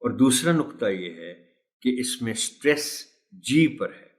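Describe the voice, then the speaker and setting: A man teaching English word pronunciation to teachers, saying each word slowly and repeating it. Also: mid-range voice, lively intonation. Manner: slow, deliberate model pronunciations of English words. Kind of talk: pronunciation lesson.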